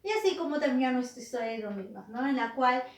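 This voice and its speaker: A woman teacher, retelling a tale in a lively way, often ending with a tag question. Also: high voice, quick pace, far from the mic. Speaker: literature teacher. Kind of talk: retelling a story in a lesson. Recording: roomy, from off the mic.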